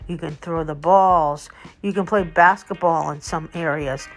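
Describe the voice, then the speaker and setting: A woman's voice: deep voice, fairly even intonation, unhurried. A woman narrating a casual vlog tour as host, in a chatty, enthusiastic way. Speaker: video host and local tour guide. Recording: background music under the voice. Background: music.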